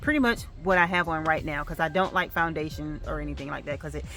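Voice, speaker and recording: A middle-aged woman vlogging to camera, telling a story in a chatty, animated way with plenty of fillers. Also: low voice, fast, soft background music.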